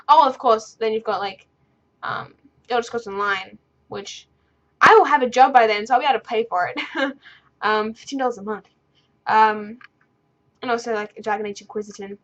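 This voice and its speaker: A young woman vlogs from her bedroom, answering viewer questions unscripted to camera in a highish voice, with the highs cut off in the audio. She rambles, stutters, restarts, and gets sidetracked easily.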